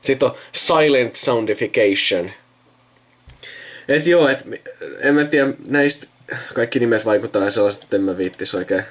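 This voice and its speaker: Sitting indoors at a computer, a young video host chats casually with a friend on his recording. His mid-range voice is a bit bright, and he thinks aloud in a rambling way, frequently trailing off mid-sentence.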